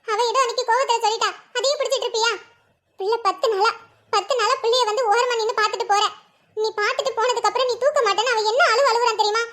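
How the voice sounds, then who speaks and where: A woman voicing a fussing elderly grandmother in an animated cartoon, pleading and chiding in a homely way. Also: very high-pitched. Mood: coaxing. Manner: pleading, chiding, rural Tamil grandmotherly speech.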